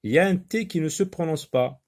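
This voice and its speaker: A man teaching a children's French reading lesson, slowly sounding out syllables with many hesitant fillers. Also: on the high side.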